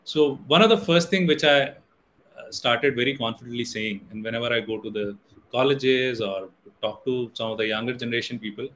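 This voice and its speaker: Speaking at a moderate pace in a mid-range, slightly bright voice, this middle-aged Indian man, a native Hindi speaker, gives a guest lecture in English over a video call. He uses many fillers and restarts. The audio comes through a webcam or laptop microphone in an indoor room and carries a little hiss or hum.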